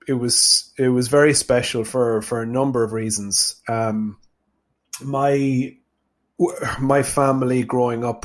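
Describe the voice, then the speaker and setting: A man with a west of Ireland accent speaking conversationally as an interview guest, thoughtful and often rephrasing himself. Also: medium pitch. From Sligo, west of Ireland. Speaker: podcast guest, performance nutritionist.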